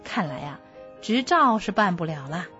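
A woman hosting a children's story program, explaining gently to young listeners. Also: on the low side, sing-song, normal speed. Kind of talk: scripted narration for children. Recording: dull lo-fi recording with music.

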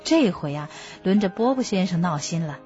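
Lively female children's program host. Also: lowish voice, moderate pace. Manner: gentle, explanatory, addressing children. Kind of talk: scripted narration for children. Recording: dull lo-fi recording with music.

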